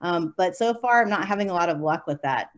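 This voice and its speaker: A young adult woman, a special education preschool teacher, answers interview questions in a chatty manner full of fillers and soft laughter. Her lowish voice has lively intonation and a fairly quick pace. The lo-fi recording carries a little hiss or hum.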